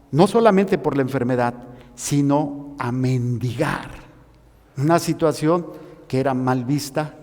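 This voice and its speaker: A male priest with a Mexican accent preaching a sermon, building to passionate, near-shouted pleas. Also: a little high. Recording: hall reverb.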